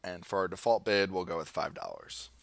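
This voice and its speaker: This American presenter has a deep, gravelly voice with huge pitch swings, moving briskly with no echo. He gives a casual, partly improvised screen-share tutorial on online marketing, voicing his thoughts as he demonstrates every step.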